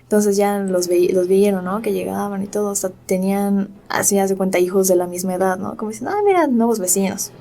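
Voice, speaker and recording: A woman's voice: mid-range voice, flat delivery, a little fast, gravelly, hardly any pauses, warm tone. A young woman with a Mexican accent chatting on a podcast, animatedly retelling a creepy story in reported speech. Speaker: podcast co-host. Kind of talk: casual storytelling chat.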